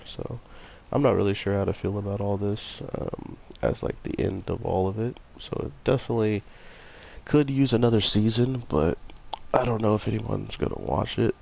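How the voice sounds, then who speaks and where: The voice is lowish, creaky, and dark in tone, from a stuffed-up young man who keeps sniffling. He's reviewing an anime episode in a loose, meandering chat crowded with fillers like "like" and "you know."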